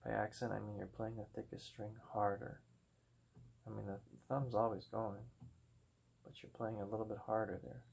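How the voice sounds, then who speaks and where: A man's voice: fairly low pitch, level tone, normal speed, gravelly. A man giving a casual acoustic guitar lesson, rambling and repeating words as he corrects himself. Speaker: guitar teacher. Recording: guitar music behind voice. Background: acoustic guitar playing.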